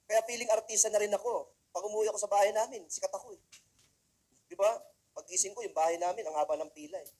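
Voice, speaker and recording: A man's voice: high voice, fairly even intonation, quick pace, dark tone. A man from the Philippines giving a humorous talk to students, telling comic stories and speaking straight to the audience. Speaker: motivational speaker.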